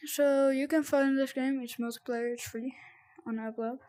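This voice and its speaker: A gamer giving casual, sweary VR gameplay commentary in a halting, rambling way that repeats words, with audible heavy breathing. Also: high-pitched, steady tone, darkish tone. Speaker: gamer presenting a VR game tutorial.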